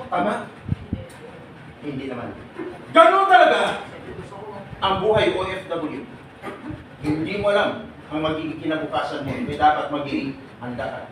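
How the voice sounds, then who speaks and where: A man speaking to a gathered group of overseas workers, animated and laughing often, putting direct questions to his listeners. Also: fairly high pitch. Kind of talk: lively talk to a live group. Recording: echoey room, mic far off, background noise.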